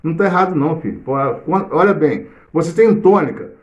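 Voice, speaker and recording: Speaking fairly quickly in a fairly high, expressive voice, a middle-aged Brazilian Portuguese-accented man runs an informal live cavaquinho class. He talks theory as he plays, humming and singing fragments along the way. The audio sounds dull, and the echoey room is filled with loud cavaquinho.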